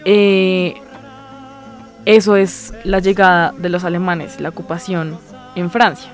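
A woman's voice: on the low side, level tone, slow, faint music behind. A woman co-hosting a casual talk show, explaining ideas at length with many fillers and hedges. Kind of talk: casual literary discussion.

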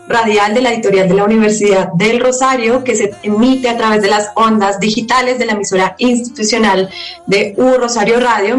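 A woman hosting a university radio show, announcing in a formal, measured way. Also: fairly high pitch.

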